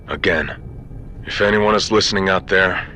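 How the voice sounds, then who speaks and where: An actor playing a wry, weary covert soldier making a matter-of-fact radio report in a video game. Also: male voice, deep voice, normal speed, sharp tone. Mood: dry, urgent. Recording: very noisy radio broadcast.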